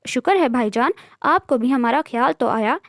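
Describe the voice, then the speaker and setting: A woman's voice: high voice, lively intonation, moderate pace, no echo, clean studio sound. A woman narrator voicing Saira, a cheerful, teasing young woman.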